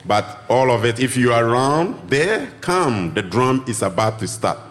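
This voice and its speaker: A man from Ghana, a drumming teacher, talking casually as a guest in an interview at a festival broadcast, animated and acting out greetings. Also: moderate pace. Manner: animated, acts out greetings in a high voice. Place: outdoor festival live broadcast.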